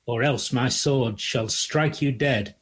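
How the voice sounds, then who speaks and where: A man's voice: medium pitch, slow pace, a bit bright, slightly rough. A man playing a bold, boastful knight, declaiming rhymes in a comic folk play. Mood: boastful, defiant. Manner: declamatory, rhyming bravado. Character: boastful, bold knightly hero Saint George.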